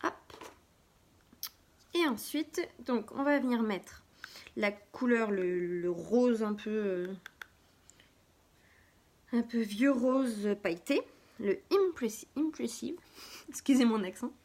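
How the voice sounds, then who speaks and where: High-voiced woman chatting through a makeup tutorial. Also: expressive, slow pace, pauses often. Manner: chatty, talks while applying makeup, drops to a soft murmur when concentrating; restarts and fillers, self-mocking asides. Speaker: makeup live-stream host. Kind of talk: casual makeup tutorial chat.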